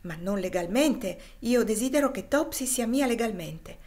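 A woman's voice: on the high side, lively intonation, moderate pace, a little mellow, pitched above the performer's own voice, close to an everyday voice. A woman voicing a firm, earnest middle-aged spinster in an audiobook reading.

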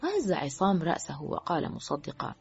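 A woman narrating an audiobook of a novel in a lively, expressive reading. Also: deep voice, fairly quick, gravelly, husky. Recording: dull lo-fi with faint music.

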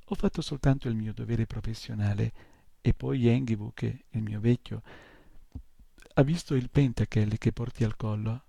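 A man's voice: on the low side, fairly even intonation, moderate pace, vocal fry, dark tone, husky, no room sound, clean studio sound. Man doing scolding old gnome healer woman. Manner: brusque and scolding. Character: gruff old female gnome healer, sharp-tongued.

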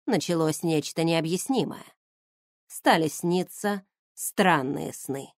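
A woman reading a first-person novel aloud in a measured, expressive storytelling manner. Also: fairly low pitch, no echo, studio quality. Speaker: audiobook narrator.

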